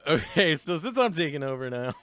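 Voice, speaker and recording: A man giving live play-by-play commentary on an esports match, excitable and quick to laugh. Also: on the high side, dry recording. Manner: excitable, laughs often, shouts big plays. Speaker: esports caster. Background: game music.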